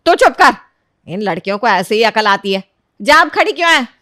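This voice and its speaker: A woman voicing a stern, sharp-tongued middle-aged mother-in-law in a cartoon story, with a commanding, scolding manner. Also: on the low side, expressive, moderate pace, dry recording, clean studio sound. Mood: shouting.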